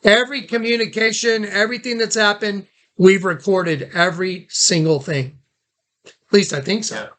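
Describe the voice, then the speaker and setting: A man with a high, bright voice directs others on a recorded phone call, casual in his wording but pressing and urgent, repeating his points. His tone stays steady and his pace moderate.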